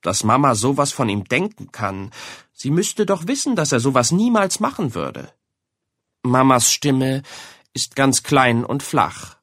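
A man reading a children's story aloud with animated, expressive narration. His voice is bright and moves lively up and down. The close mic sounds dry, with no room around it. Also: medium pitch, a little slow, dry recording.

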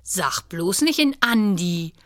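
A woman reading a children's story, voicing a bossy, outspoken schoolgirl who talks strictly and loudly. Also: fairly low pitch, sing-song, unhurried, no room sound, studio quality. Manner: strict, loud.

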